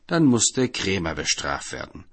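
A man voicing a self-assured village judge in a storybook tale, reasoning in a calm, matter-of-fact way. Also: sits low, normal speed.

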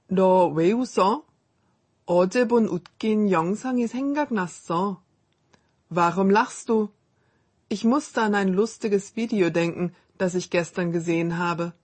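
A woman hosting a scripted radio language lesson, reading model phrases slowly and clearly. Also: mid-range voice, darkish tone.

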